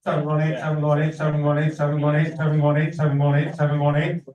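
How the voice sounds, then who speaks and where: A man's voice: on the high side, completely flat delivery, fast, a little mellow, muffled recording. An American man working as an auctioneer, calling bids in a rhythmic, repetitive chant of numbers. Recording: echoey room, distant microphone.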